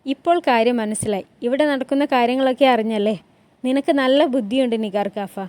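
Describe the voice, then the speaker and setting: A woman's voice: on the high side, fairly quick, a little mellow, no echo, close to an everyday voice. A woman voicing a sly young royal consort who teases and probes in a story retelling. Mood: teasing. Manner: teasing and probing.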